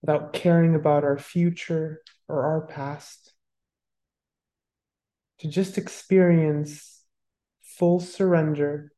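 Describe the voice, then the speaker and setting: A meditation guide talks listeners through a session in a calm, mellow voice. The delivery is very slow and hardly rises or falls, with long pauses between phrases. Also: medium pitch.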